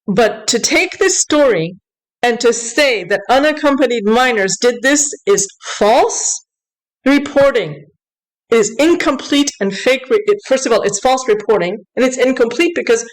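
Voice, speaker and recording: Speaking a little slowly in a higher voice, an online commentator offers unscripted news commentary, upset and insistent on correcting things. As she reads aloud she moves between English and French, and the audio quality is poor.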